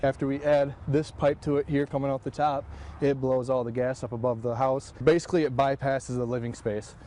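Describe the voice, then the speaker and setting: Mellow-voiced man explaining his trade. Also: mid-range voice, flat delivery, brisk, slight background noise. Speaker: technician being interviewed. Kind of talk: informal interview explanation.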